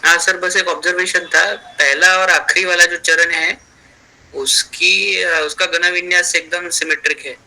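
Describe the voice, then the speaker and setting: Man, student, polite tentative questions, gravelly, fairly high voice. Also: flat delivery, measured pace, bright, forceful tone, poor audio. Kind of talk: asking questions in class.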